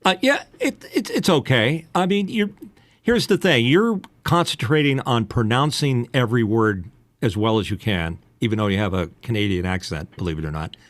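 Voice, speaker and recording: A voice-over announcer and podcast host in his late sixties chats casually about voice-over work like a coach, giving candid, rambling explanations. His medium-pitched voice is animated at normal speed, and the recording is dry.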